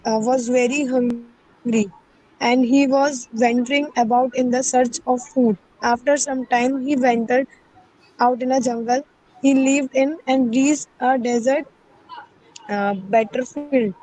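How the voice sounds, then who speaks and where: High-voiced woman reading haltingly. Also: fairly even intonation, a little mellow, dry recording, low-quality recording. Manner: hesitant, stumbles over words. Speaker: student. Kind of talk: halting read-aloud of a story.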